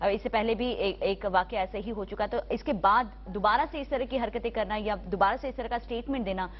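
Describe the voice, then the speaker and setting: A woman's voice: mid-range voice, brisk, faint music behind. A woman moderating a televised debate, posing questions with frequent hesitations. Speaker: debate anchor. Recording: dull broadcast audio with faint noise.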